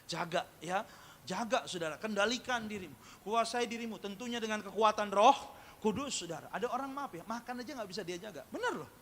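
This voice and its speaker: Male pastor, high-pitched, joking sermon style, faint background hiss. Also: lively intonation, brisk, a bit bright. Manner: humorous storytelling, repeatedly addressing the congregation; calls for amen and audience responses. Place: church service, also streamed live.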